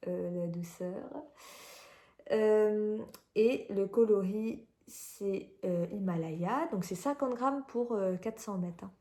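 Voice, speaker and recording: A knitting vlogger from France chats casually about her knitting at home, indoors near a window shutter, with plenty of hesitations and fillers. Her mid-range voice is mellow, and the room sounds echoey.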